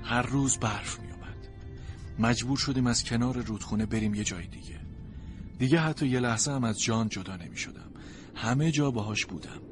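A man narrating a storybook in the first person from a dog's point of view, in an earnest, expressive way. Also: mid-range voice, over music. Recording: noisy background.

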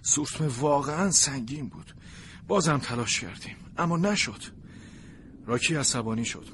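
Expressive male storyteller, lively pitch. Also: slight background noise. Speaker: narrator. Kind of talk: storybook narration from a sled dog's view.

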